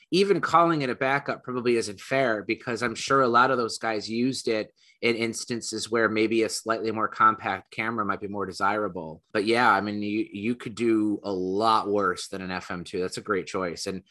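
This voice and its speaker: A man's voice: fairly low pitch, normal speed, sharp tone. A man in casual panel chat, knowledgeable and chatty, with lots of fillers. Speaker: podcast panelist.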